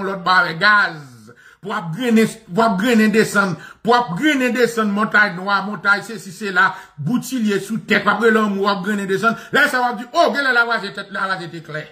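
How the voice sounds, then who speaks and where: A Haitian man with a Haitian Creole accent delivers a mocking political monologue that keeps circling back on the same phrases. His voice sits high and rings bright and forceful. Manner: animated and mocking, repeats phrases, often laughing.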